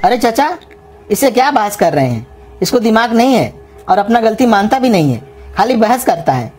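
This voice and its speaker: A crafty young trickster in a cartoon comedy who sweet-talks and flatters. The voice is a little high, with music running behind it. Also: female voice, normal speed, slightly rough. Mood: flattering. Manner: coaxing, flattering, persuasive. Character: scheming young man, sweet-talking and crafty.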